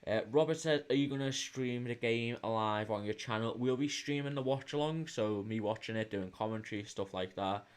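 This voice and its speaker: Hosting a laid-back football watch-along livestream, this man from Liverpool, England, responds to viewer comments informally and a bit hesitantly in his Liverpool English accent. His medium-pitched voice is smooth, moving at normal speed with hardly any pauses.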